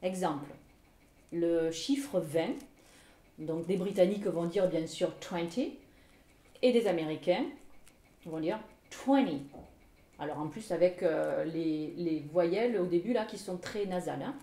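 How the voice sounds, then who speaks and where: A woman's voice: fairly low pitch, measured pace, mellow, roomy sound. A woman teaching English pronunciation in French, telling a story and repeating example words, with many hesitant fillers. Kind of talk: anecdote and pronunciation lesson.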